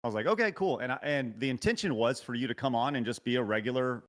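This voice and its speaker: On a glitchy remote call that cuts in and out with choppy audio, a man hosting a show casually interviews a guest. He speaks at a quick pace in a mid-range voice, rambling hesitantly with frequent filler and restarts.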